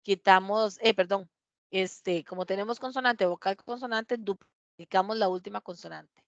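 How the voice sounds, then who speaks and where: A woman's voice: medium pitch, moderate pace, no echo. Patient woman teaching a grammar class. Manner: patient, repeats key points, checks understanding with "¿verdad?". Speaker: English teacher. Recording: dull lo-fi classroom recording.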